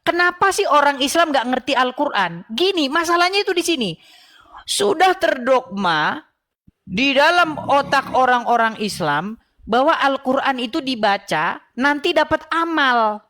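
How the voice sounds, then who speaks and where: High-voiced woman lecturing in a debate. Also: lively intonation, measured pace, fairly bright tone. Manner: persistent, lecturing, with anecdotes and laughter. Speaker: channel host in religious debate. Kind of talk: debate call.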